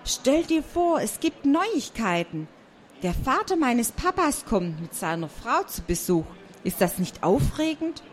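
A woman voicing an excited young male mouse in a storybook read aloud, eager and breathless. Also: medium pitch, normal speed, lightly acted.

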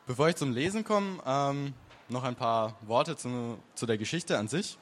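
A man introducing and then reading aloud from his own fantasy novel in a calm, measured storytelling manner. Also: medium pitch.

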